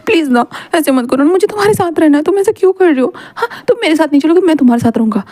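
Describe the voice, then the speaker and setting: A woman's voice: sits high, fast, mellow. Woman voicing a whiny tearful young angel. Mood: tearful pleading. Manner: pleading, whiny, breaking into sobs. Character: clingy tearful young male angel, possessive.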